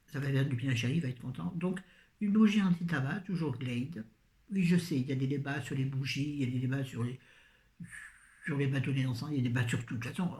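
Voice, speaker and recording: This vlogger's voice sits low and warm, though she sounds tired and it's fading as she rambles through her grocery haul, poking fun at herself. The clip was recorded on a phone in a room with echo.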